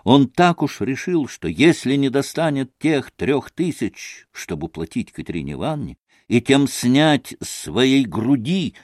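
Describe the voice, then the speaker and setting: A man narrating a classic novel audiobook in a dramatic, highly expressive way. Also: measured pace, no room sound, studio quality. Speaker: audiobook reader.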